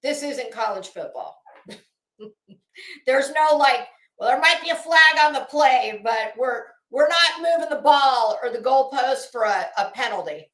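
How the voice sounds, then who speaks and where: Animated and a bit bright, this woman's high voice moves a little slowly. She's a middle-aged American YouTube commentary host on a casual livestream, swearing freely and giving blunt, emphatic opinions, recorded in a roomy, echoey space.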